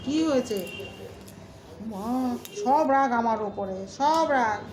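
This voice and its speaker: A woman's voice: a little high, slow pace, a crowd in the background. A woman talking casually to her pet dog, coaxing and scolding it in a sing-song voice. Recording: echoey room with clear background noise.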